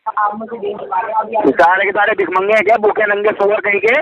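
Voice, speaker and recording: A man's voice: sits high, little pitch movement, measured pace. A man recovery agent on a recorded phone call, insulting and abusive.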